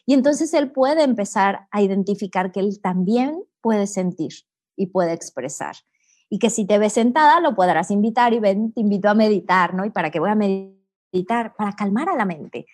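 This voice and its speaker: A middle-aged woman talks calmly and warmly as an interview guest, leaning into a patient, teacherly tone. She checks in with her listener often and lets her points land slowly. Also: mid-range voice. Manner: calm, teacherly, with many "¿no?" tags. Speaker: guest, personal growth coach. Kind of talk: reflective interview talk.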